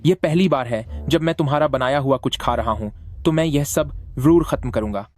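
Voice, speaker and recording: A man's voice: medium pitch, moderate pace, a little mellow, soft background music, lightly acted. An actor dubbing a powerful rich man who speaks curtly and gives orders. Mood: gentle. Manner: curt, commanding. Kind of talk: dubbed drama acting.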